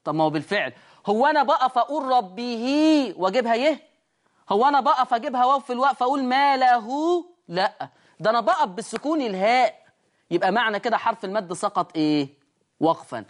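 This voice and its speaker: A woman's voice: a little high, lively intonation, fast talker. A woman with an Egyptian accent teaching tajweed on screen, explaining step by step and asking and answering her own questions. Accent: Egyptian Arabic. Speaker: Quran recitation teacher. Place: studio lesson with a control room.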